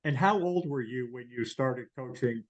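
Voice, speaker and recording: A man hosting an interview as chairperson of a hall of fame, asking questions in a measured, hesitant way. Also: mid-range voice, muffled recording. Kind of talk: interview over video call.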